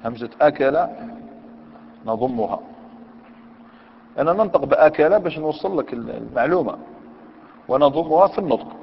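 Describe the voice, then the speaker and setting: A man's voice: a little high, animated, normal speed, vocal fry, pauses often. A man with an Algerian Arabic accent teaching a grammar class, quizzing his students and switching between everyday dialect and recited verse. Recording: dull lo-fi recording in a long-echo hall, faint noise.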